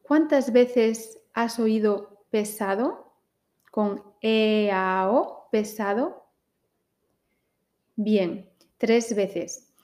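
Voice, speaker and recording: A woman teaching pronunciation, saying each word slowly and carefully in a listening drill. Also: mid-range voice, a little mellow. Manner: very slow, carefully articulated minimal pairs.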